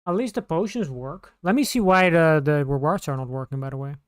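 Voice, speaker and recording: A woman's voice: deep voice, brisk. A woman streamer chatting casually on a live stream, rambling and restarting her sentences. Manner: rambling, scattered, with many restarts.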